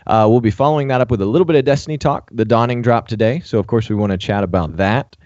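A man's voice: mid-range voice, fast, darkish tone, no echo. Guy cohosting a podcast, lots of uhs, kinda dull dry lo-fi audio. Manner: rambling, many "uh" fillers. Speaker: podcast co-host. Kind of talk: casual chat.

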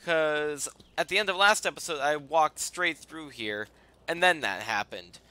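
A man giving casual, halting and rambling commentary over a video game as its host. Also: a little high, bright, forceful tone, clean tone. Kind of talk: casual let's play commentary.

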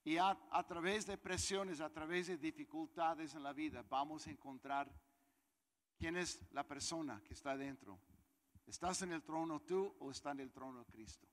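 A man's voice: a little high, moderate pace, a bit bright, long reverb tail. A man preaching a sermon, talking conversationally and putting questions to his congregation. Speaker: pastor.

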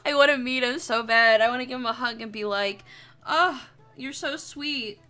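A young woman with a voice on the high side talks at normal speed, her tone bright and forceful. As a streamer and artist, she keeps up a rambling, jokey, swear-filled chat while drawing on a livestream.

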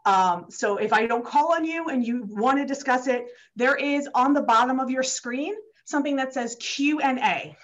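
A woman's voice: sits high, moderate pace. A young woman opening a virtual town hall as the host, chatty, with many fillers and restarts, and a little out of breath. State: slightly out of breath. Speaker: state legislator hosting a virtual town hall. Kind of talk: casual opening remarks on a video call. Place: district office. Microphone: video call. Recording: dull lo-fi video call audio.

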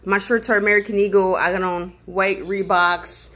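A woman's voice: medium pitch, flat delivery, moderate pace, fairly bright tone. A woman in her thirties chatting casually to viewers on a family vlog, talking into a phone at arm's length in a car. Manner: chatty, upbeat, addresses viewers directly. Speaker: family vlogger. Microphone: phone camera held at arm's length.

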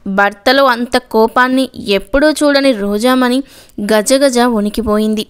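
A woman narrating an emotional love story in a steady, dramatic reading. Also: on the high side, unhurried, clean tone.

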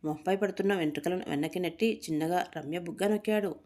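A woman's voice: fairly low pitch, quick pace, a little mellow. A woman reading a story aloud, giving the characters' lines small lifts in her voice.

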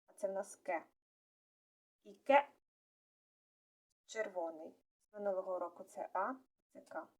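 A woman giving a casual online language lesson, explaining each word step by step and pausing often on fillers. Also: mid-range voice, darkish tone. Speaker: language teacher.

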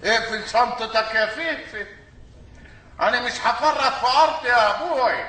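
A man's voice: very high-pitched, normal speed, sharp tone, recorded from a distance, a little hiss or hum. An actor with an Egyptian accent playing a naive, stubborn country man in a stage comedy. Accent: Egyptian Arabic. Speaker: comic lead in a stage play. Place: theater stage before a live audience. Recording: echoey theater stage.

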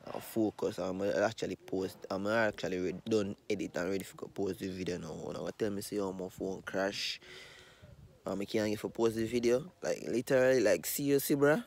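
A young Trinidadian man vlogging outdoors into a phone held at arm's length, complaining in a low, glum way. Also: fairly even intonation, brisk, vocal fry, a little hiss or hum. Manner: low, glum complaining, turning loud and laughing at the end. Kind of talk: casual vlog talk to camera. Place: outdoors among bushes and palms.

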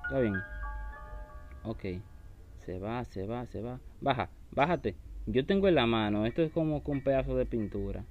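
A man's voice: medium pitch, animated, normal speed, phone-quality sound, soft background music. A man commenting on a horror game he is playing, taunting the enemy and shrieking when startled. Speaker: gaming YouTuber.

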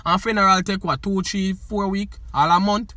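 A man's voice: high voice, fairly even intonation, moderate pace. A man with a Jamaican accent giving a casual, emphatic review of a song. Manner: emphatic, keeps asking "you see me". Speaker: music reviewer.

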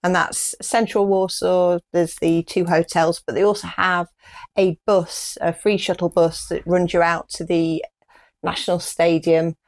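Fairly low-pitched, with a flat, slightly slow delivery, this middle-aged woman speaks in a British accent. She's a show co-host having a casual chat indoors in a small wood-panelled room.

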